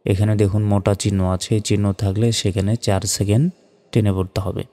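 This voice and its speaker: A man teaching Quran reading, spelling out Arabic syllables one by one and then reciting the verse slowly. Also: fairly low pitch, flat delivery, dark tone, big-room sound.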